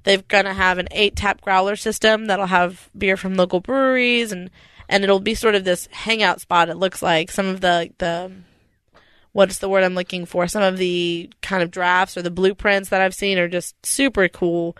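A woman co-hosting a podcast in loose, profane banter, quick to joke and tease. Her voice comes through smooth and clear, recorded dry and close in a small studio. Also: medium pitch, dry recording. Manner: profane, joking, animated. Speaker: podcast co-host. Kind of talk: casual chat.

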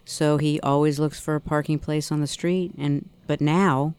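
A woman's voice: low voice, fairly even intonation, normal speed, darkish tone, clean tone. A woman contestant chatting about home life in a quiz game. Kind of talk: casual chat.

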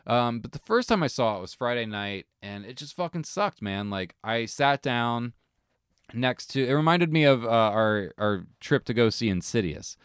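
A young man co-hosting a casual chat, telling animated stories full of fillers and swearing. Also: medium pitch, normal speed, clear, resonant tone, dry recording, studio quality. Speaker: podcast co-host.

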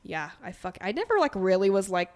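A woman co-hosting a podcast in casual chat, talking fast and loose with plenty of swearing and "like" fillers. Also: medium pitch, very animated. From Vietnamese family. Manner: chatty, swears freely, lots of "like". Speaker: podcast co-host.

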